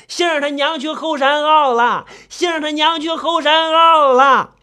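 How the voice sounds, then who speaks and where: Panicked village woman, played by a man: high, frantic shouting. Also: fairly even intonation, a little slow, heavily acted.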